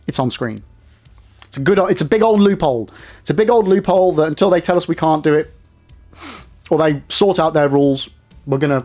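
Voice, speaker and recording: A man's voice: high-pitched, darkish tone. A young man streaming live, rambling casually and talking straight to his chat. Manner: chatty, rambling, addresses chat directly.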